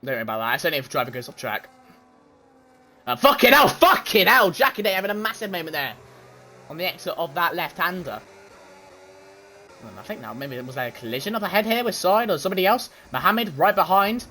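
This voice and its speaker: A man giving excitable live commentary on a sim race and chatting with his viewers. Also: a little high, fast talker, slight background noise. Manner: excitable, swears when shouting, chats with viewers.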